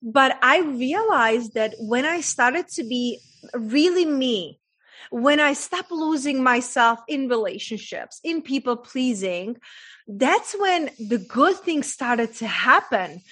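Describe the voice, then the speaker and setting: A young woman from the Czech Republic with a Czech accent, a guest coach telling her story with animated enthusiasm in a podcast conversation. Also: sits high, slow pace, breathy edge, rough recording. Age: young adult.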